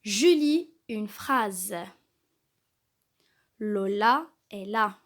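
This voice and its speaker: A woman teaching a kindergarten reading lesson, slowly and carefully sounding out each letter and syllable. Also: medium pitch, animated. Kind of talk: slow scripted reading lesson.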